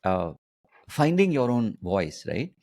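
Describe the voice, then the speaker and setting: A man hosting a conversational interview, phrasing things in halting, repeated, emphatic bursts. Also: mid-range voice, very animated, darkish tone. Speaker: host, coaching mentor.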